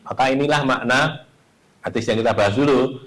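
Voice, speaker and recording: A man's voice: medium pitch, a little fast, a bit bright, rough recording. Javanese guy giving a hadith lesson, reads arabic in bits then explains it in loose everyday talk. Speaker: Islamic teacher. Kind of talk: hadith study lecture.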